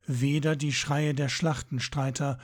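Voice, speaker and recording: Male narrator, husky, very slow, dramatic fantasy reading. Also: mid-range voice, flat delivery. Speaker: audiobook narrator.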